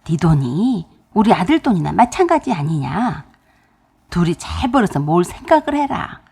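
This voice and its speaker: A woman voicing a stingy, sharp-tongued older mother-in-law who scolds loudly in a husky voice. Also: lowish voice, sing-song, moderate pace, exaggerated voice. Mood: nagging.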